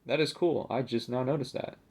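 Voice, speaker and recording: Showing a collectible on camera, this young man speaks at medium pitch and a fairly quick pace, his voice a little mellow and slightly rough. It's unscripted vlog chatter, rambling and hesitant, with plenty of self-deprecation.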